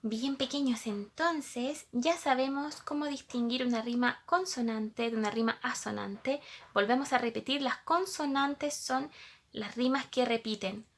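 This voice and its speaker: A woman's voice: fairly high pitch, measured pace. A woman teacher, patiently explaining a lesson to young pupils and asking them questions as she goes.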